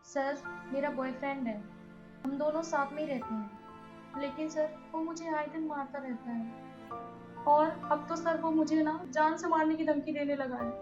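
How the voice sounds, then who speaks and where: A woman's voice: high voice, normal speed, natural voice. A young actress playing a frightened woman reporting abuse to the police. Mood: urgent. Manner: urgent, pleading. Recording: dull echoey room with music.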